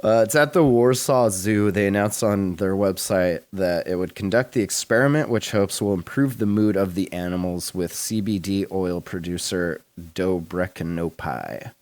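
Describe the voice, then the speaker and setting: A man's voice: on the low side, moderate pace, hardly any pauses, darkish tone, dry recording. A man hosting a podcast in casual chat, laid-back and rambling, swearing and laughing often. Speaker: podcast host.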